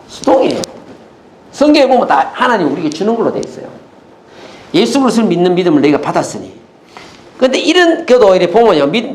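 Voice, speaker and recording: Male pastor, high and animated, preaching in a roomy church with faint noise behind. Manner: animated preaching, asks the congregation questions. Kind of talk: sermon.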